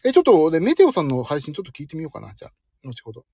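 A man's voice: fairly high pitch, wildly swooping pitch, rapid-fire, mellow, husky, no echo. A man hosting a casual live stream from his parked car, chatting in a self-deprecating way and reading out listener comments. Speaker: livestream host.

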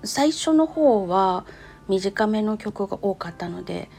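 A woman's voice: mid-range voice, expressive, slow pace, vocal fry, darkish tone, breathy edge, soft background music. A woman with a cute, anime-like voice talks casually and politely in short phrases, recounting her experience in a personal audio diary.

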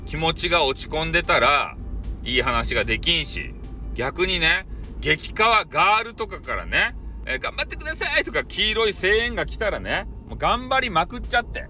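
A man's voice: fairly high pitch, sing-song, normal speed, bright, forceful tone, soft background music. A man with a Hakata dialect, chatting casually and jokingly as the host of a solo podcast. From Fukuoka, Japan. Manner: chatty, jokey, mixes dialect into polite speech.

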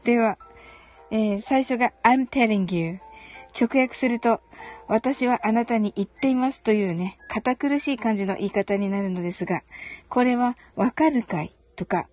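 A woman hosting a casual audio broadcast, politely explaining English song lyrics and reading each English line slowly and carefully. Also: fairly high pitch, mellow.

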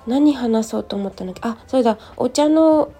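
A woman with a hoarse, gravelly just-woken voice, hosting a casual solo audio diary in a polite, rambling way, thinking aloud. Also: on the high side, fairly quick, mellow. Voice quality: gravelly, croaky morning voice. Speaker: host of a personal audio show and tea and clay teacher. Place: at home. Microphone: smartphone.

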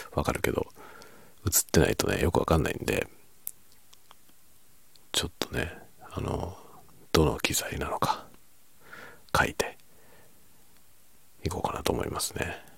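Guy talking real quiet at night, super low gravelly voice, casual chat, close dry mic. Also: sing-song, moderate pace, long pauses, no echo. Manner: quiet, hushed low-volume talking as if at night, drifting into whisper. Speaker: video creator and host. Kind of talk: late-night casual soft-spoken chat.

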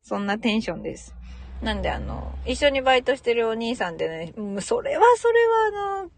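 A woman's voice: on the high side, animated, quick pace, gravelly. A young woman, chatting casually on her own podcast, laughing and imitating local greetings. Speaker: podcast host. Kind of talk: casual solo chat.

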